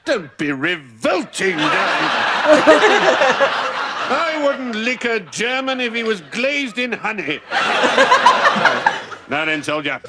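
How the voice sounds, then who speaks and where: An actor playing a pompous, blustering old general with loud braying laughs, in a TV comedy clip played back with noise behind. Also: male voice, high voice, very animated, normal speed, hardly any pauses.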